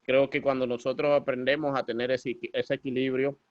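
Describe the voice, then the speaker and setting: A man's voice: medium pitch, level tone, fairly quick, no room sound. A Dominican man hosting a casual interview, adding short affirming words while his guests talk. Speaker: host. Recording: dry lo-fi.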